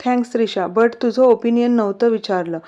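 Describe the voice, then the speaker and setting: A woman's voice: fairly high pitch, normal speed, warm tone, lightly acted. Woman doing a snide young sister-in-law, curt, storybook, dull recording. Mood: snappy. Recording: slightly muffled recording.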